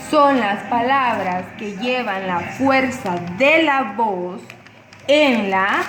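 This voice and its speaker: A woman teaching a grammar lesson, stressing and repeating syllables. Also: a little high. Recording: echoey room with noise.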